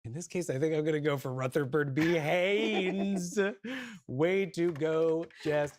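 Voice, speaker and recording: A game show host running an improv comedy game, handing out points with brisk, playful quips. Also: medium pitch, noisy background.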